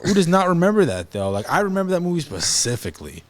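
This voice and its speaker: A man's voice: on the high side, huge pitch swings, fast. A young man co-hosting a podcast, chatting loosely and joking, sometimes reading search results aloud. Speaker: podcast co-host. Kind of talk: casual chat.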